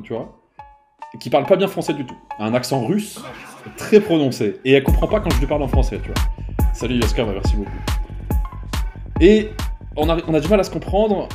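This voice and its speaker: A man in his thirties telling a personal story in a casual, slangy way, often adding "you see". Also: mid-range voice. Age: 30s. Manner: lively, slangy, peppered with "tu vois".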